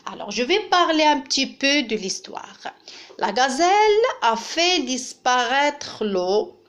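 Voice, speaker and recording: A woman teacher gives a recorded reading lesson for young children. Her voice sits a little high and she speaks slowly, spelling out each sound with care. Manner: slow, clearly articulated, pointing things out. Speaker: primary school teacher.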